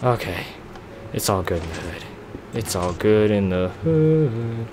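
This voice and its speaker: A man's voice: fairly low pitch, expressive, takes it slowly, darkish tone, slight background noise. A young man casually narrating a block-building game, rambling and poking fun at himself while he works things out. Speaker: let's play gamer. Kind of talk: casual gameplay commentary.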